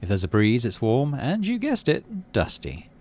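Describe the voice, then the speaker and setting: During a game playthrough, this male host reads the narrative aloud and talks to himself while choosing. His mid-range voice swoops wildly in pitch, has a breathy edge and moves at normal speed. Game music fills the background.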